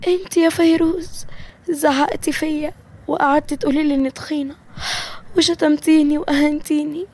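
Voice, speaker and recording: A woman puts on a heartbroken mother in an animated story. She speaks with an Egyptian accent in a high, tear-choked voice, pleading with her daughter. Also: brisk. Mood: tearful. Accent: Egyptian Arabic. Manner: pleading, wounded. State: crying. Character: hurt, tearful middle-aged mother.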